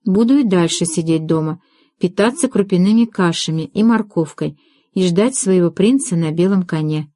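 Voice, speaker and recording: A woman reading the lines of a sharp-tongued young woman in an audiobook, ironic and snappy. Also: on the low side, normal speed, no room sound, studio quality, natural voice. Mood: musing.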